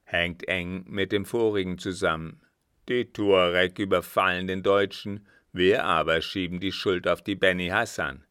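A man's voice: deep voice, fairly even intonation, a little slow, clear, resonant tone, no room sound, clean studio sound. Man voicing a scheming ex-guard captain. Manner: louder and more forceful than narration. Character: scheming former guard captain, cold, calculating. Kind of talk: audiobook reading.

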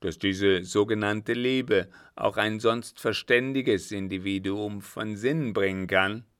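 A man doing a gruff, scheming old man. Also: lowish voice, takes it slowly, a bit bright, dry recording, studio quality. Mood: sardonic. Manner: sardonic, calculating.

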